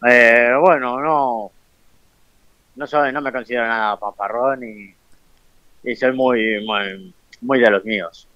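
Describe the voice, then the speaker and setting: In this interview, a Colombian boxer in his twenties, whose Spanish carries a Bilbao accent, replies briefly and shyly. He talks at a slow pace with long pauses, in a medium-pitched voice. The sound is lo-fi, with no audible room.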